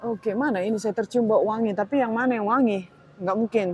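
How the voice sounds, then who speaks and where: A woman's voice: on the high side, fairly quick, slightly rough, poor audio. A young woman chatting casually as she shops in a supermarket, thinking aloud and exclaiming at prices. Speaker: vlogger. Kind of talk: casual shopping vlog narration. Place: supermarket, indoors.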